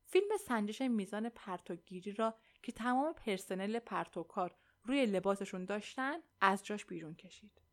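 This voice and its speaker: Woman narrating a tense audiobook. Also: mid-range voice. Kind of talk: scripted narration of a thriller.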